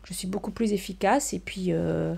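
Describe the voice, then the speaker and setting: Older woman, gravelly. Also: fairly low pitch, moderate pace, dark tone. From Portugal. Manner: hesitant, many fillers and restarts. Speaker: research scientist guest. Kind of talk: casual interview answers.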